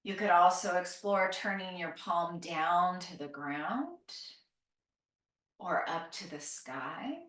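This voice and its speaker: A woman yoga instructor leading a calm grounding exercise, giving gentle, unhurried, encouraging cues for stretching and breathing, with phrases that end softly. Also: lowish voice. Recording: roomy, echoing, distant microphone.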